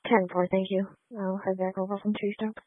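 A woman's voice: medium pitch, level tone, a little fast, no echo. A female police officer speaking in terse, businesslike check-ins over a two-way radio. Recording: narrow, tinny police radio.

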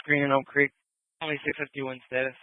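A man on an emergency services radio, exchanging quick, practical chatter. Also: medium pitch, little pitch movement, no echo. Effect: two-way radio. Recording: tinny narrowband radio audio.

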